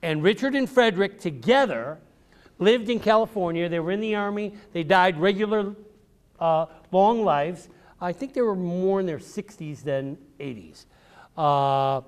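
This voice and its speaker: In a public library room, a high-voiced man acting as a visiting author gives children an educational talk. He speaks straight to the group and keeps repeating questions and key phrases.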